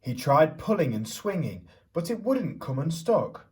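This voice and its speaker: Animated man reading a children's storybook, slightly distant. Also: fairly high pitch, a little slow. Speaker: primary school teacher reading aloud. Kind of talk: expressive children's storybook reading with questions to listeners.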